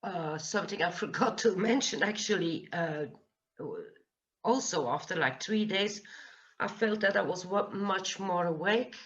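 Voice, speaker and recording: A woman speaks earnestly over a video call in a slightly low voice, pausing with fillers as she gathers her thoughts. The call audio is dull and lo-fi. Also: a bit bright. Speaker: guest giving a testimonial. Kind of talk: casual video call chat.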